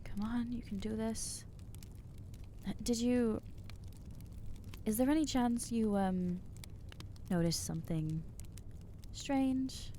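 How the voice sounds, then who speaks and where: In an ASMR roleplay, a woman plays a young female vampire who is anxious and consumed by guilt, halting and stammering as she blames herself. Her voice sits fairly high with a warm tone, and a faint hiss or hum runs underneath. The mood is anguished.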